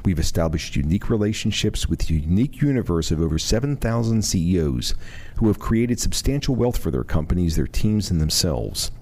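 A man announcing the show, reading a scripted promo in a measured, sales-like way. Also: low-pitched, animated, mellow.

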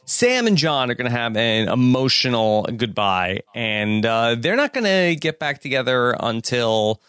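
A man co-hosting a casual chat, unhurried and hesitant, recounting scenes from an episode. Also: medium pitch, big pitch swings, a bit bright, clean tone, no room sound. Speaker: podcast co-host.

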